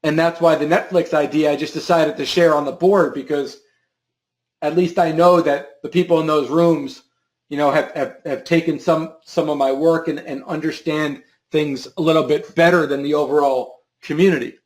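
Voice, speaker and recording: Hosting a live options trading stream, a man answers a viewer's question in a loose, rambling way, repeating words and restarting sentences often. His voice is on the high side, steady and moderately paced, in a reverberant space.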